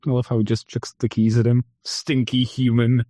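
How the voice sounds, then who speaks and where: A man's voice: mid-range voice, completely flat delivery, fast talker, dark tone, dry recording. A man co-hosting a podcast, joking and asking questions while watching a film. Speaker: podcast co-host. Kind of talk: casual film commentary chat.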